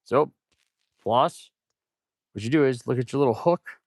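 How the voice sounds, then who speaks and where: Male livestream host, mechanic type. Low, creaky voice, stuffed-up nose, audible mouth breathing, informal rambling delivery, close dry sound. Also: unhurried, no room sound. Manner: rambling, informal, addresses viewers as "man" and "guys". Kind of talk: casual livestream chat while working.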